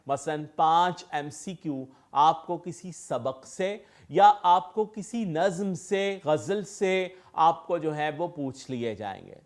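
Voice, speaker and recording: Man, online lecture, slow careful teacher, fairly high voice. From Pakistan. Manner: patient, explanatory, calls students "beta", repeats "theek hai". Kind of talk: online exam-prep lecture.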